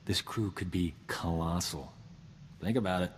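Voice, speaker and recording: A man's voice: sits low, measured pace, big-room sound, noisy background. An actor playing a boastful, roguish male doctor in a video game, talking in a cocky, flippant, self-important way. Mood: wry. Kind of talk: video game character dialogue.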